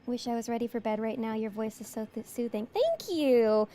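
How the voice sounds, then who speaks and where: A woman's voice: on the high side, lively intonation, normal speed, dark tone. A young woman from New York streaming a horror game, chatty and giggly as she talks to her chat. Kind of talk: let's play commentary.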